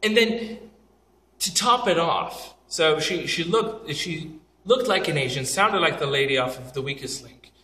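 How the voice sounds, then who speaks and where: A man's voice: on the high side, expressive, a little slow, pushed and bright, roomy sound, distant mic. A young man telling funny travel stories in a casual, joking, self-deprecating way, talking straight to camera. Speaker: vlogger.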